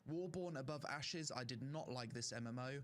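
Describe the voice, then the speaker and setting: Here the young streamer's medium voice is fairly bright and moves at a moderate pace. His tier-list commentary on online games is casual and opinionated, peppered with fillers, and his throat sounds strained from talking.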